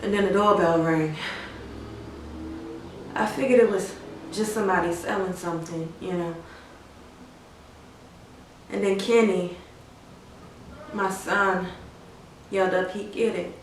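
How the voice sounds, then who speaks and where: A freshly widowed young mother, played by an actress in a stage monologue speaks slowly and haltingly from well back from the mic. Her voice rings through a very echoey room, hushed and numb, with pauses that give way to anguished cries. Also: on the low side, fairly even intonation, far from the mic, slight background noise. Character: grieving young mother, newly widowed soldier's wife. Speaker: actor performing a dramatic monologue.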